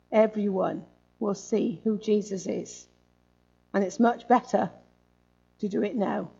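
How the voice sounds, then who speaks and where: A woman's voice: medium pitch, vocal fry, dark tone, highs cut off. A woman preaching a sermon in a conversational way, often adding tag questions.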